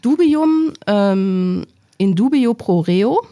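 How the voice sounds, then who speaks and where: A woman's voice: mid-range voice, expressive, takes it slowly, warm tone. A woman hosts a podcast interview with a mid-range voice for a woman. She sounds curious and playful and thinks aloud while working out answers. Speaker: podcast host.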